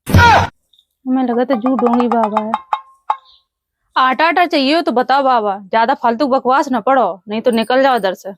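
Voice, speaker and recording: A woman's voice: on the high side, a little slow, long pauses, noisy background, lightly acted. A woman playing a blunt, sceptical village housewife in a comedy sketch, speaking rural north Indian Hindi dialect. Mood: suspicious, scornful. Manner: blunt, questioning.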